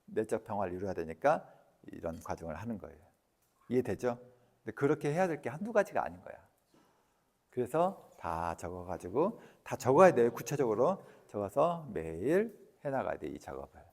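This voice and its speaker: A man giving a lecture, lively and talkative, who keeps quizzing his audience with questions. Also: on the low side, moderate pace, gravelly, in a large hall.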